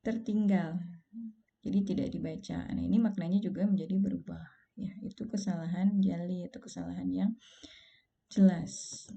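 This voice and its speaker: Woman teaching recitation, patient and calm, very mellow dark voice, dull lo-fi audio. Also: mid-range voice, gravelly. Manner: calm, patient explaining, slowed recited examples. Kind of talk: online lesson.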